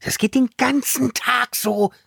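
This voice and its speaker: A man's voice: very high-pitched, steady tone, unhurried, gravelly, sharp tone, husky, no room sound, studio quality, voice pushed up, full character voice. A man voicing a grumpy, sarcastic young girl villain in an audiobook. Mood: mocking. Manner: sarcastic, disgusted, drawling.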